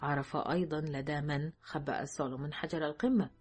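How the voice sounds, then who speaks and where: A woman narrating an audiobook in a measured, steady storytelling manner. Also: deep voice, soft background music.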